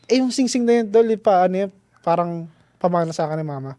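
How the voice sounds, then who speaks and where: A man guest on a podcast, telling a story in a casual, slangy, animated way with lots of restarts. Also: high-pitched, fast talker, no echo. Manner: animated, slangy, keeps saying "tol"; restarts and trails off often.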